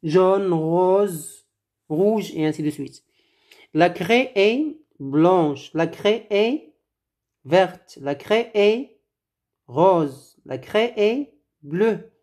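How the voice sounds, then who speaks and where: A French teacher giving a slow, deliberate lesson, saying words one at a time and repeating them for learners. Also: medium pitch, animated, a little mellow.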